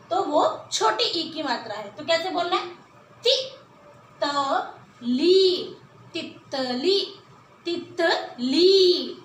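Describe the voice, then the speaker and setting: Woman teaching kids hindi, really high bright voice, stretches out every syllable, echoey room. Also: slight background noise. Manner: slow, drawn-out syllables when sounding out words; patient explaining, frequent rhetorical questions. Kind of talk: children's Hindi lesson at a board.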